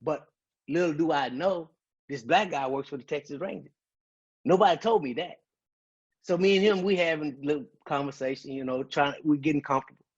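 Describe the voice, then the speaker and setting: Man, guest speaker, emotional first-person testimony; slightly higher voice, dull webinar sound. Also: fairly quick, slightly rough. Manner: earnest, emotional, quotes dialogue.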